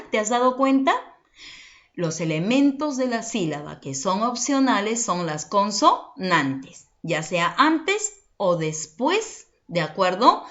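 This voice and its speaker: A woman teacher talks slowly and patiently through a lesson for children, stopping often to ask if they follow. Her pitch rises and falls a lot. The recording sounds dull and lo-fi. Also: fairly bright tone. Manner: patient, asks rhetorical check questions. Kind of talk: online class for children.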